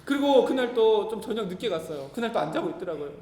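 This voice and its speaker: High-voiced man preaching in an echoey hall. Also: sing-song, fast talker, darkish tone. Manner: earnest, storytelling, acts out his own quoted words. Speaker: pastor. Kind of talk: sermon with personal story. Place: church hall. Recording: echoey hall, faint rumble.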